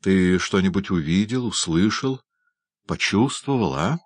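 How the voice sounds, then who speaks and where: A man voicing an excitable, fussy old male doctor who shouts and blusters. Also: deep voice, a little slow, dry recording. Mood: excited, blustering.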